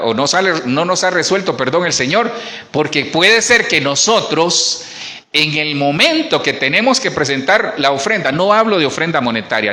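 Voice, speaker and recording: A man's voice: on the high side, sharp tone. A man preaching a sermon as pastor, talking to the congregation in a conversational way with asides and restarts. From Colombia. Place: church.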